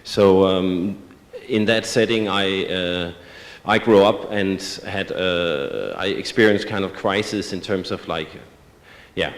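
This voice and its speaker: A low-voiced man presents his art at a symposium, stopping often with filler sounds and restarts. His voice carries the long reverb of a large auditorium. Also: slow. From Denmark. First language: Danish. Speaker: artist presenting his work. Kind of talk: symposium talk. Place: museum auditorium.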